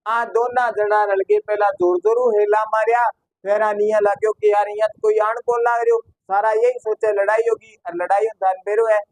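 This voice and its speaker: High-voiced Rajasthani teacher lecturing. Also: male voice, level tone, moderate pace, no echo, poor audio. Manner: asks students questions and answers them himself; slips into local dialect phrases. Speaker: exam-prep teacher. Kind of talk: classroom lecture.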